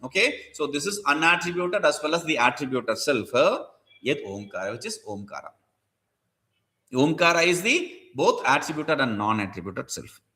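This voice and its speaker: Animated man teaching scripture. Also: a little high, normal speed. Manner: explains each Sanskrit term in English, chants verses. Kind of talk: scripture commentary lecture.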